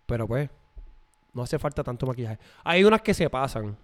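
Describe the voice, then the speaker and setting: A man's voice: medium pitch, very animated, moderate pace. A young man with a Puerto Rican accent, co-hosting a casual chat and dropping English words into his Spanish. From Puerto Rico. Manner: chatty, mixes English words into his speech. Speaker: podcast co-host.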